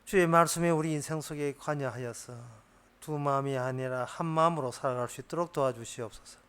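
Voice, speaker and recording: A male pastor leading his congregation in an earnest, hushed prayer that trails off at the ends of phrases during a church service. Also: mid-range voice, a little fast, clean tone.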